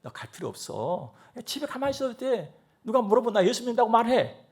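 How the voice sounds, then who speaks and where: A preacher voicing a scornful tempter spirit that needles and mocks with questions. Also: male voice, very high-pitched, sing-song, quick pace, husky, pitched above the performer's own voice, full character voice. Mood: taunting.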